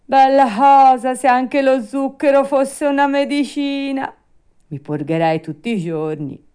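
Casting: woman doing a petulant puppet boy, shrill, loud, storybook reading. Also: unhurried, clear, resonant tone. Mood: whiny. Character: whiny stubborn wooden puppet boy.

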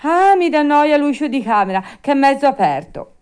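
A woman voicing a stubborn, whiny wooden puppet boy, shrill and wailing. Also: lively intonation, moderate pace, a little mellow.

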